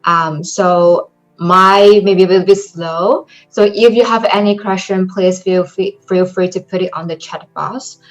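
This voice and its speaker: Presenting online for a study-abroad program, a young woman from China speaks careful, accented English at an unhurried pace, often saying um. Her voice is low and steady, over soft background music on a lo-fi recording.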